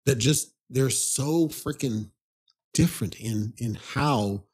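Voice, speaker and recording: Husky-voiced man telling a rambling story. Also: medium pitch, slow pace, darkish tone. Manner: rambling, conversational, frequent "you know" asides. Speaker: podcast host. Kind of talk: casual storytelling monologue.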